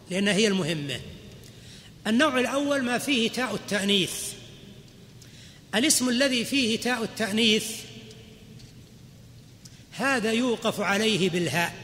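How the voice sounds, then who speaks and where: A man teaching a grammar lesson, explaining step by step and quizzing the class with quick questions. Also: sits high, bright, forceful tone. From Saudi Arabia. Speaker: sheikh teaching Arabic grammar. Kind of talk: classroom lecture. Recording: reverberant hall, faint background noise.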